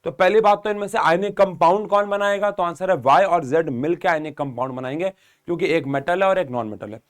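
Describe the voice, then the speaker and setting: A man's voice: on the high side, a little fast, clean tone. A young man teaching an exam-prep chemistry lesson, explaining step by step and speaking straight to his students.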